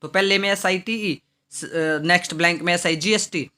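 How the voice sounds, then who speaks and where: A man teaching English vocabulary with an Indian English accent. He spells words letter by letter, reads sentences out slowly, and asks questions that he then answers himself. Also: sits high, sharp tone, clear, resonant tone. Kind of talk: classroom lesson explaining vocabulary.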